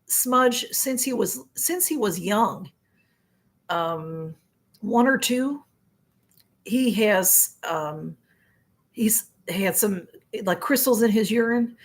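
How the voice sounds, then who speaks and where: A woman in her sixties speaks slowly in a voice on the high side as she hosts a livestream. She chats casually, reads viewer comments aloud, and rambles with lots of fillers and frequent laughs.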